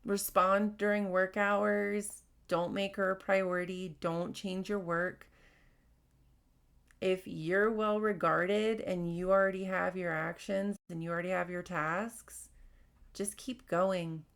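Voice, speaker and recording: A woman hosting a casual advice podcast, talking fast and candidly while she reads out workplace stories and comments. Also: lowish voice, fairly even intonation, vocal fry. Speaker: podcast host.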